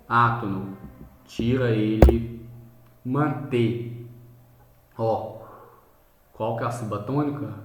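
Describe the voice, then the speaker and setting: A man's voice: mid-range voice, a bit bright, reverberant. A man teaching in a recorded video lesson, working through exercises step by step and often checking in with his viewers. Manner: explanatory, repeats "tá?" and "gente" to check in.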